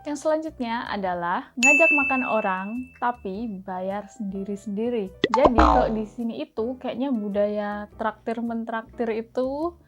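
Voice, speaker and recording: Brief: young Indonesian woman, vlogger, fairly high voice, soft music underneath, chatty and relaxed. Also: unhurried. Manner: chatty, frequent fillers like nah and gitu. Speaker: vlogger living abroad. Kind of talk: casual direct-to-camera vlog.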